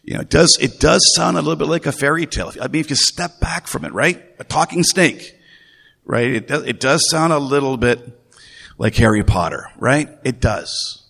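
A man's voice: medium pitch, expressive, moderate pace, creaky, a bit bright, slightly rough. A man pastor preaching a conversational sermon, often repeating his phrases and putting questions to the congregation. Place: church. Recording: long reverb of a church hall.

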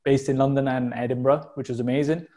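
The South Wales guest on this podcast is a man in his thirties with a Welsh accent and a steady, mellow, medium-pitched voice, and he talks fast. In a casual interview he is candid and reflective, though his speech is full of fillers and restarts.

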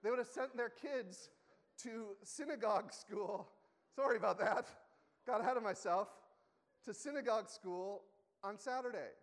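A pastor preaches a sermon in a church sanctuary, his voice sitting high at a normal speed. He's conversational and corrects himself, often putting questions to the congregation. Long hall reverb fills the recording.

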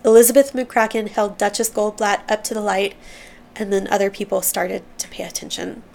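A woman's voice: mid-range voice, level tone, normal speed, gravelly, a little mellow, a little hiss or hum. A woman hosting a book podcast, reading excerpts aloud and then sharing heartfelt commentary that stumbles a little when she is moved.

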